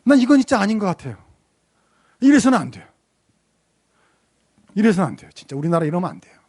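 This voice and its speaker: A man's voice: high voice, big pitch swings, fast, a little mellow. A middle-aged man preaching a sermon as a pastor, telling a story and asking the congregation rhetorical questions with rising emphasis. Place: church sanctuary.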